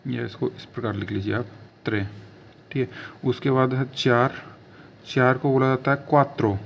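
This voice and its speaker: A man teaching a video language lesson, repeating each word slowly and spelling it out letter by letter, with frequent check-ins to the viewers. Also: medium pitch, level tone, creaky, slight background noise.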